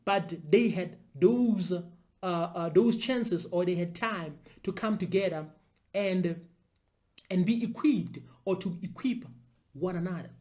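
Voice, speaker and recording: A commentator talks to viewers without a script. The delivery is deliberate and repetitive, with emphatic phrasing at an ordinary, medium pitch. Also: a little mellow. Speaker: video commentator. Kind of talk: unscripted spoken commentary.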